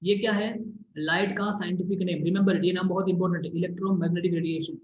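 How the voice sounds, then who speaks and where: This high-voiced male teacher speaks quickly with fairly even intonation, teaching physics at the board and repeatedly asking whether the class keeps up. He goes over points again and again as he draws. Slight background noise sits in an echoey room, and the sound is a bit dull.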